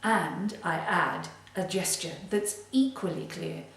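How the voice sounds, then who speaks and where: A woman coaching creative people with a motivational tip. Her voice sits a little low, and she speaks slowly and deliberately, pressing on the important words. She is recorded from a distance in a very echoey room. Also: a bit bright. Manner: slow, deliberate, emphatic delivery.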